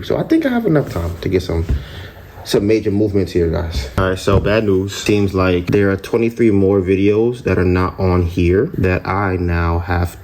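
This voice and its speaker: A chatty man vlogging about his small business, with a fairly low voice. He talks straight to his viewers over a noisy background with traffic sounds. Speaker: candle business owner vlogger. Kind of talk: casual vlog chat. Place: car and storage unit.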